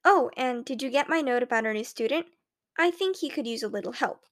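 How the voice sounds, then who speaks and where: A woman voicing a polite, prim schoolteacher who speaks to her class with measured, formal diction. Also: on the high side, animated, natural voice. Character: female schoolteacher, polite, prim, quietly pitying.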